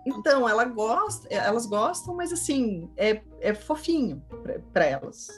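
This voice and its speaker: A woman's voice: on the high side, very animated, a little slow, faint music behind. A woman co-hosting a casual chat, telling family stories with a playful, laughing manner. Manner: storytelling, playful, laughs often. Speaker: podcast co-host, mother.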